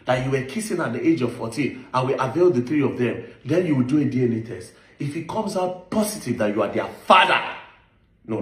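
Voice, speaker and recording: A man's voice: mid-range voice, a bit bright. A man with a Nigerian accent giving an impassioned, accusatory monologue, stressing points with rhetorical questions. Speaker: online commentator. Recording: echoey room.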